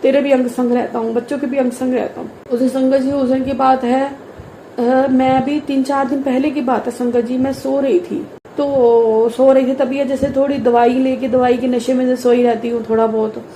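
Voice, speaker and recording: A woman's voice: high voice, level tone, normal speed, warm tone, roomy sound, a little hiss or hum, rough recording. A middle-aged woman telling an earnest, emotional devotional testimony and often addressing the congregation directly.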